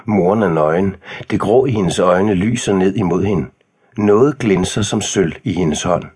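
Deep husky male audiobook narrator. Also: a little mellow.

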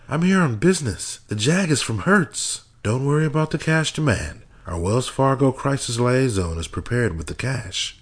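A man's voice: medium pitch, husky, pitched above the performer's own voice. A man doing a frantic, furious husband. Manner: agitated, venomous.

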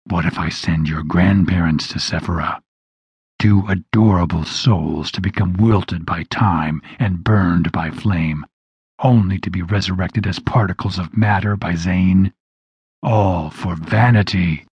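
A man voicing a cruel, savage male demon who hisses and taunts slowly. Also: deep voice, a little mellow, breathy edge, no room sound, voice pushed down, exaggerated voice. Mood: scornful. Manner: hissing, slow and taunting.

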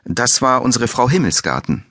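A man's voice: medium pitch, very animated, moderate pace, fairly bright tone, no echo, clean studio sound, voice pushed up. A man playing a middle-aged hotel director who talks in a formal, slightly annoyed way, in an audiobook.

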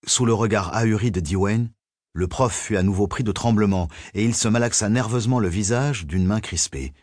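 Low-voiced male thriller audiobook narrator. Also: darkish tone, no echo, studio quality. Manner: measured, suspenseful reading.

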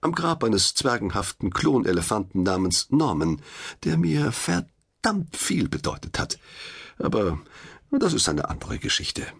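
Gravelly, lively male audiobook narrator. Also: lowish voice, measured pace. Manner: wry, expressive, confiding first-person telling. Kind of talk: first-person audiobook narration.

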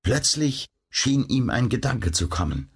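A man's voice: mid-range voice, big pitch swings, measured pace, slightly rough. A man narrating a classic adventure story as an audiobook, in a dramatic storytelling manner. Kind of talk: scripted narration.

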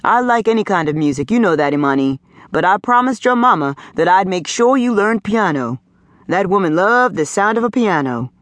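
A woman's voice: medium pitch, expressive, normal speed, no echo, close to an everyday voice. A woman voicing an old-school musician father who speaks firmly to his daughter. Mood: coaxing. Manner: firm, scolding.

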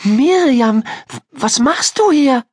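A man's voice: very high voice, slow, fairly bright tone, no echo, studio quality, pitched above the performer's own voice, heavily acted. A man voicing a nervous young schoolgirl with a secret, in a storybook reading. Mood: startled girl. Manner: startled, nervous. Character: red-haired schoolgirl keeping a secret.

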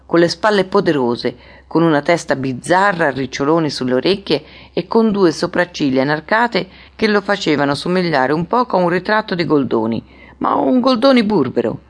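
A woman narrating an unabridged novel audiobook in a measured, expressive way. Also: lowish voice.

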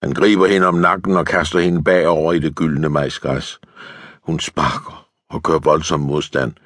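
A man reading an unabridged war novel as an audiobook narrator, in a low, subdued voice. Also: level tone, fairly bright tone, no room sound, clean studio sound.

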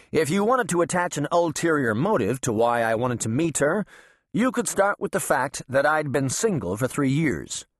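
A man's voice: medium pitch, no echo, studio quality. A man narrating an audiobook in a wry, sardonic first-person voice. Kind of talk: scripted narration.

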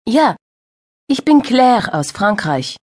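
An actress playing a friendly young female participant in a scripted language-course dialogue, speaking slowly with clear diction. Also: a little high, full character voice. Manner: slow, clear, lively intonation.

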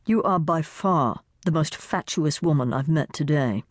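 Brief: stiff British male film star, deadpan disdain, lower than the narration, voiced by a woman. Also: unhurried, no room sound. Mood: disdainful. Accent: British (put on). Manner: dry, condescending. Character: haughty British male actor, cold and stiff.

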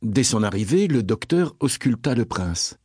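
A man narrating a children's audiobook in a gentle, playful storytelling manner. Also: medium pitch, big pitch swings, moderate pace, slightly rough, dry recording, studio quality.

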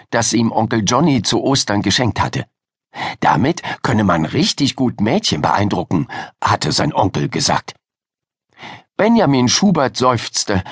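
A man narrating a children's audiobook with expressive, lively storytelling. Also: on the low side, slightly rough, no room sound, clean studio sound.

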